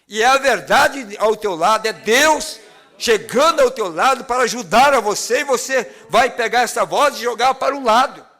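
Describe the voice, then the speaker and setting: A man with a Brazilian Portuguese accent, preaching a sermon in a church, who moves between loud preaching and hushed, low retelling. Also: animated, moderate pace. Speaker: pastor. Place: church tabernacle.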